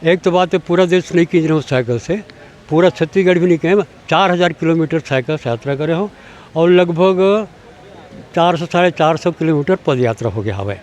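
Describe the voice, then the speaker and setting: A man's voice: on the high side, a little fast, darkish tone. An older man with a Chhattisgarhi accent, answering an interview in an emphatic, lecturing way, asking rhetorical questions as he argues. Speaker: language activist.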